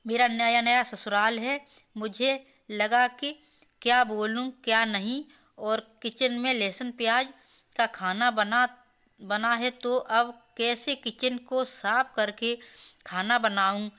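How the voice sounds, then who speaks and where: A wheedling, demanding young daughter-in-law from a cartoon story, as a woman puts her on. Her voice is fairly high, smooth and bright, and she talks slowly. The recording sounds dull and lo-fi. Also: fairly even intonation. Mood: pleading. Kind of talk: storybook voice acting.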